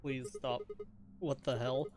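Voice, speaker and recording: A man's voice: medium pitch, little pitch movement, slow, darkish tone. A young man streaming a game live, joking, swearing and reading its text aloud. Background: game music.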